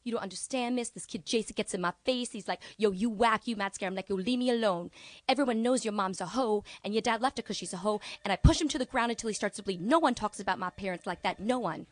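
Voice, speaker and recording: A woman's voice: mid-range voice, fast, no room sound, natural voice. A woman voicing a brash, streetwise teenage boy student in a solo stage performance, slangy and cheeky. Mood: defensive.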